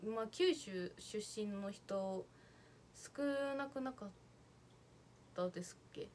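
A young woman talks casually to her livestream viewers, thanking them by name as their comments come in. She chats in an easy, rambling way at a mid pitch. A faint hiss of background noise sits under her voice. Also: slow pace, a little mellow. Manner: chatty, reads viewer comments aloud. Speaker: idol livestreamer.

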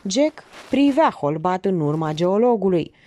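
Woman, audiobook narration, mellow, animated intonation. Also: mid-range voice. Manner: expressive, measured reading. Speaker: audiobook reader.

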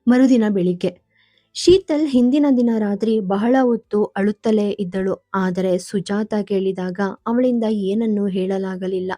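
Calm lady reading a family story, warm dark voice, bit of music under it. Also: medium pitch, unhurried, no echo. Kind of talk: scripted story narration. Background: soft music.

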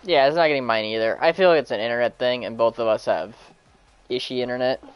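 Woman, low voice, playful gamer banter. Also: quick pace, clean tone, highs cut off. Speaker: streamer. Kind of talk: casual gaming chat.

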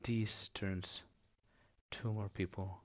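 A man explaining things simply for children, unscripted, in short halting phrases with pauses, on a dull lo-fi recording. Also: lowish voice, steady tone. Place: indoors at a table.

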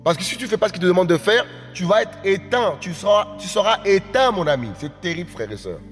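A man preaching an evangelical sermon, often asking his listeners if they understand, dropping low and soft at phrase ends and rising to impassioned shouts. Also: expressive, fairly quick, in a large hall, soft background music. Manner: repeats "tu comprends?" often, drops low and quiet at phrase ends; rises to impassioned high shouts, speaking in tongues.

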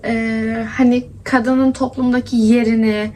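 A woman's voice: on the high side, flat delivery, a little slow, warm tone. A young woman from Adana chatting casually in a daily vlog, complaining and laughing as she goes. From Adana, Turkey. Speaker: vlogger. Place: indoors at home, then outdoors in hot streets.

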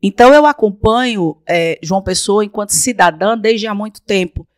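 This podcast interview features a council candidate in her 40s, a Brazilian woman who grew up in Paraíba. Seated in a small studio with a blue-lit backdrop, she talks at a normal speed into a boom-arm desk microphone, stressing her points and repeating phrases for effect. The recording is dry.

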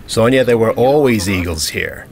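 A man's voice: fairly low pitch, expressive, normal speed, vocal fry. A man speaking an English documentary dub voice-over in a plain conversational way, retelling field stories. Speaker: voice-over dubber.

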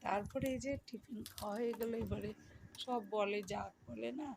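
A middle-aged woman with a Bengali accent and a hoarse voice, chatting to her viewers as she talks over her housework. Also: mid-range voice, steady tone, normal speed, background noise. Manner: chatty, addresses viewers as friends. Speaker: vlogger. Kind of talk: casual voice-over of household chores.

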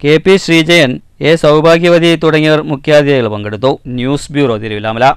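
A male news reporter from Kerala reading a scripted voice-over in a measured, formal way. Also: on the high side, fairly even intonation, smooth, no echo, clean studio sound. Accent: Malayalam, Kerala. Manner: measured formal reading, drops at sign-offs.

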